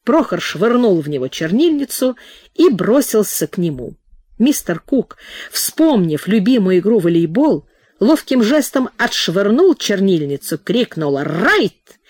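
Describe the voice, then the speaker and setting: A woman reading a novel aloud in expressive audiobook narration. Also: mid-range voice, unhurried, breathy edge, dry recording. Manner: expressive storytelling. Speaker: audiobook reader.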